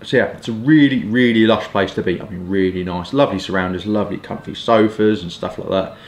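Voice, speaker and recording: This fairly quick, lowish-voiced man from southeast England, in his twenties, runs a pipe and cigar review vlog. He chats in a relaxed, rambling way full of hedging asides, indoors in a small furnished home room with echo and some background noise.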